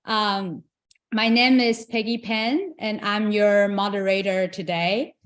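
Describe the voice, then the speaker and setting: A woman's voice: medium pitch, fairly even intonation, slow. A young woman from Taiwan, moderating an online tech event in an upbeat, chatty way with casual fillers.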